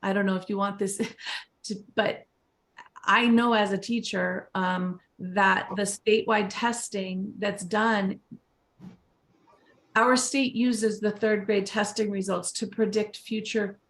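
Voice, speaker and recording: A woman with years as a teacher speaks earnestly on a panel, pressing her points with emphasis. Her voice sits at an ordinary middle pitch. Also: fairly even intonation, slow, fairly bright tone. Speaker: teacher and education consultant. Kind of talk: panel discussion.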